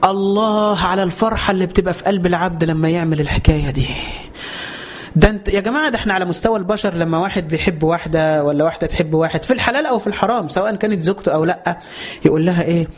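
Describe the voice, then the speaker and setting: Fast high-voiced Egyptian preacher. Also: male voice. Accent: Egyptian Arabic. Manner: emotional, emphatic, repeats oaths; addresses listeners directly. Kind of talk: religious lesson.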